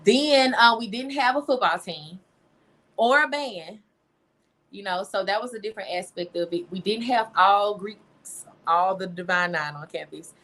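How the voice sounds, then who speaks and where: Measured in pace and a bit bright, her medium-pitched voice carries a Southern American accent from Louisiana. The young singer-songwriter is an interview guest, talking informally and with emphasis in a casual conversation.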